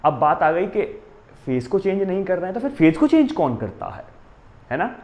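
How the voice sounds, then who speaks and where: A man with an Indian accent teaching a physics coaching class at a board. He stops often to ask "है ना?" and reads definitions out slowly, word by word. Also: high voice, big pitch swings, darkish tone, lo-fi sound. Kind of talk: exam coaching lecture at a board.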